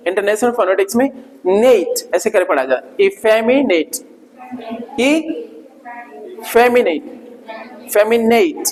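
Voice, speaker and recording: A man's voice: extremely high pitch, darkish tone. A man teaching English vocabulary in Hindi, drilling pronunciation and checking in with his class again and again. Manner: repetitive, drills words, checks in with "ठीक है ना"; slow, drawn-out spelling of sounds. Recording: long hall reverb.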